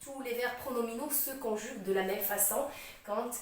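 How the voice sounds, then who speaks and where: A woman teaching a French grammar lesson, explaining slowly, repeating herself and often checking that the class follows. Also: fairly high pitch. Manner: slow, repetitive explaining, checks understanding often. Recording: echoey, distant, faint noise.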